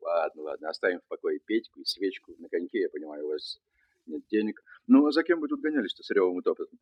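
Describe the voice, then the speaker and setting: A man's voice: low-pitched, expressive, fast, dull audio. An actor playing a kindly, fatherly former soldier who talks to children in playful mock-military style. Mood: gentle, fatherly. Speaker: actor in a dramatized story. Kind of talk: dramatic film or radio acting.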